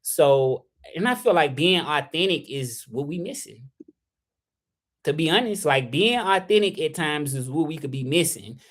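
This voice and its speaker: A young adult man from Memphis, Tennessee, in the US South, speaks with a Southern accent while hosting a casual livestream about his freelance interpreting work. His fairly high, animated voice moves at normal speed, and his talk is loose and rambling, packed with fillers like "like" and "you know".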